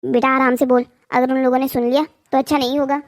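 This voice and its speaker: Voice actor doing a soft, worried cartoon mother. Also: sits high, fast. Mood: pleading. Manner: soft, calming, pleading. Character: gentle worried middle-aged mother. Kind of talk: cartoon story voice acting.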